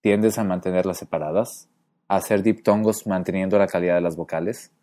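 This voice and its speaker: A man teaching pronunciation in a clear, methodical way, slowing down to demonstrate sounds. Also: deep voice, steady tone, mellow. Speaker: Spanish phonetics teacher. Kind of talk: explanatory lesson narration.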